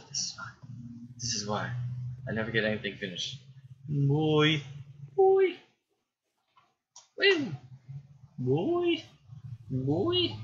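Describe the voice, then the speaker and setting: A man's voice: fairly low pitch, pushed and bright, muffled recording, slight background noise. A man muttering to himself and chuckling as he builds, giving casual gameplay commentary. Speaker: gameplay streamer.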